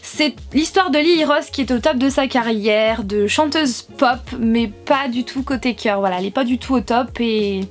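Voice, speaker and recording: A woman with a high voice chats casually to her viewers. She talks loosely, often hesitating and restarting. Faint music plays quietly behind her. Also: moderate pace, few pauses. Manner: chatty, hesitant with many fillers. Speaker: book vlogger. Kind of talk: casual haul chat to camera.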